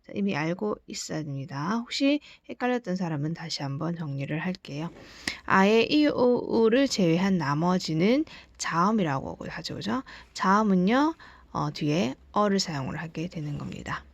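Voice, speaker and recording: A woman teaches grammar in a patient lecture, walking through each point and pausing to check that her students follow. Her voice has a gravelly edge, and the sound is dry and close to the mic. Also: on the low side, lively intonation, no echo, lo-fi sound. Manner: patient, explains step by step, asks rhetorical checks. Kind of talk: recorded lesson lecture.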